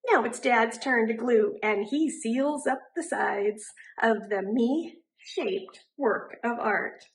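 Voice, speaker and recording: Woman, high voice, slow pace, expressive storybook narration, drawn-out emphasis. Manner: animated, deliberate, drawn-out emphasis on rhyming words. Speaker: teacher reading a picture book aloud.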